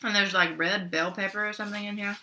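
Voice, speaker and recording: A woman's voice: medium pitch, fairly even intonation, fast, pushed and bright, a little hiss or hum. A young adult woman talking casually at home while eating for her vlog, chatting between bites with her mouth full. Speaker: vlogger. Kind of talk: casual mukbang eating chat.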